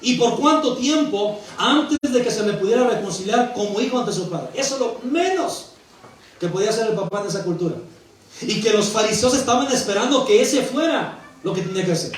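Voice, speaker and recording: A man's voice: high-pitched, lively intonation, fairly quick, slight background noise. A male pastor from Mexico preaching a sermon, with emphatic bursts and rhetorical questions. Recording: echoey hall, voice from a distance.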